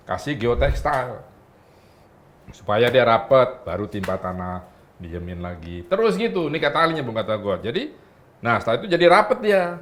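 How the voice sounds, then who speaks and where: Talk-show guest: a man, animated, with a wide pitch range. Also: moderate pace. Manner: animated, acts out quoted speech. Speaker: guest commentator. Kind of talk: casual talk-show chat.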